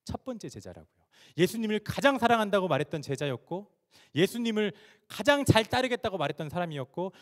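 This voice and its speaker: A male pastor preaching a sermon, retelling a story dramatically and asking his listeners questions. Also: high-pitched.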